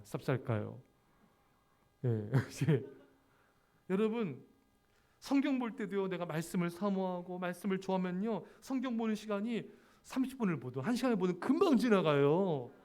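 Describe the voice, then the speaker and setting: A man's voice: high voice, dark tone. A male pastor preaching a sermon, asking the congregation questions and teasing them for an amen. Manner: jokes with the congregation, calling out for amens.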